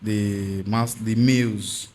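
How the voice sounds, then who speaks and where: A man's voice: lowish voice, steady tone, slow, darkish tone. A man with a Nigerian accent hosting a discussion in English mixed with Pidgin. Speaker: podcast host.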